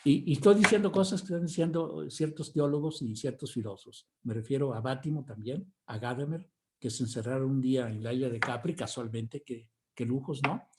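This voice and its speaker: A man's voice: medium pitch, fairly quick, background noise. A Mexican university professor giving a keynote lecture, digressive and emphatic, often repeating words as he searches for phrasing. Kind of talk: academic lecture.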